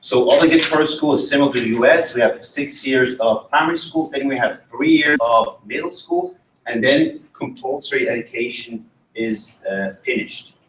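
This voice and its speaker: A man from Switzerland gives an academic conference talk in a conference room, engaging listeners by putting questions to the audience. His mid-range, fairly bright voice moves at normal speed, and the roomy recording from a distant mic has a little hiss or hum.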